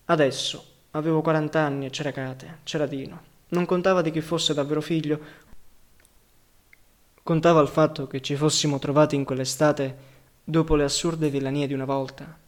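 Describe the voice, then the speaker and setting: A male narrator reading a novel aloud in a calm, measured way. His voice sits fairly high for a man, and he keeps his delivery quiet and steady.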